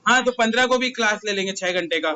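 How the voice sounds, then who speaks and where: A man's voice: high-pitched, fast talker, bright, forceful tone, poor audio. Chatty Indian man teaching a class. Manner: chatty, teasing students. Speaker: commerce tutor. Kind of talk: casual classroom talk.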